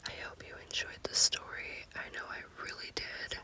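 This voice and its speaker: This spooky-story whisper comes from a woman in the ASMR style, breathy and unvoiced, with measured phrasing and a bright, forceful edge.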